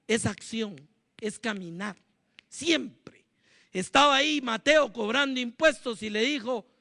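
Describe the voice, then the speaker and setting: A man's voice: very high-pitched, pushed and bright, dry recording, studio quality. A man preaching a sermon as pastor, emphatic and often asking the congregation questions.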